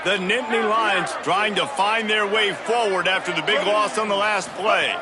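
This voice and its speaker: A man's voice: high voice, fairly even intonation, moderate pace, very noisy. An American man giving play-by-play commentary on a football game. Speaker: play-by-play announcer. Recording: loud stadium crowd and music behind.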